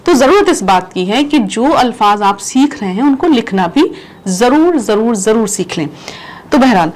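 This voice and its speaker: An Urdu teacher with a slightly high, expressive voice leads a language lesson, repeating words and explaining how each is pronounced and spelled. The audio quality is poor.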